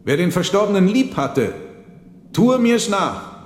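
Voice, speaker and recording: A man voicing a sinister, uninvited monk who declaims in a loud, raised voice. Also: fairly high pitch, lively intonation, measured pace, pitched above the performer's own voice. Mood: commanding. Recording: roomy reverberant hall.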